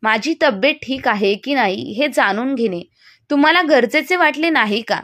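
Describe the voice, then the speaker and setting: A woman voicing a stubborn, angry young wife who speaks in a sharp, defiant way. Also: sits high, animated, moderate pace, no room sound, studio quality, full character voice. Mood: indignant.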